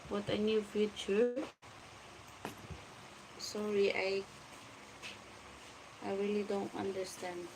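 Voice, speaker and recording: A Filipino woman in her forties hosts a casual late-night livestream from home, reading comments aloud and greeting viewers by name. Her mid-range voice is flat and slow, with long pauses, a Filipino accent, and a noisy background.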